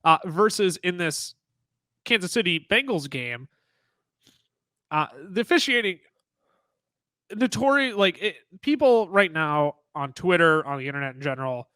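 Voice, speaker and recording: Bright, excitable podcast guy. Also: high-pitched, a little slow, pauses often, clear, resonant tone, no room sound. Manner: excitable, rambling with restarts. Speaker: podcast co-host. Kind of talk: casual sports talk.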